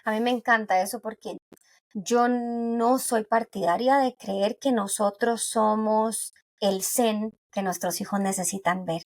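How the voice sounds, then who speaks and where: A Costa Rican woman with a Costa Rican accent, a guest who is a pediatric neuropsychologist, explains things conversationally through everyday anecdotes, often tagging sentences with "¿verdad?". Her voice is a little high, with fairly even intonation and a measured pace.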